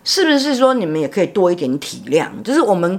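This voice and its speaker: A middle-aged woman, co-hosting a casual podcast chat as a mother and telling rambling, animated stories. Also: lowish voice. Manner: animated storyteller, fast and rambling.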